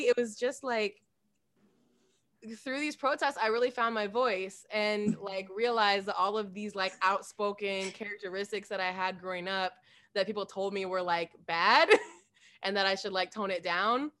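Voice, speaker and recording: In her twenties and from Des Moines, Iowa, this council candidate tells her story in casual interview answers, chatting away with lots of "like" and frequent laughter. Her voice sits in the mid range, fairly bright, with a steady tone and moderate pace.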